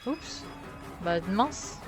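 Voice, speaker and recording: A woman's voice: mid-range voice, expressive, very slow. A young French woman with a French accent, chatting and muttering to herself as she streams a game. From France. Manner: chatty, self-mocking, muttering to herself while playing. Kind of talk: casual gameplay commentary. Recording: game music playing behind.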